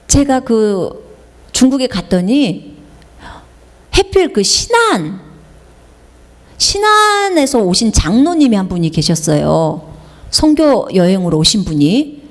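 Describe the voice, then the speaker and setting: A woman's voice: mid-range voice, big pitch swings, slow, long pauses. A middle-aged woman missionary with a Jeolla accent, preaching a sermon in a chatty way, telling personal stories and asking the congregation questions. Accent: Jeolla Korean. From South Jeolla, Korea. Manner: chatty, asks the congregation questions, slips into dialect.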